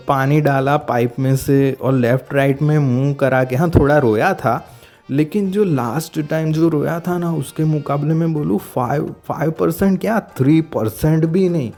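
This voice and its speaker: Earnest man with a dark, mellow voice. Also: on the high side. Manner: halting, searching for words, frequent restarts; earnest and heartfelt. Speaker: devotee sharing a testimony. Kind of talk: emotional personal testimony.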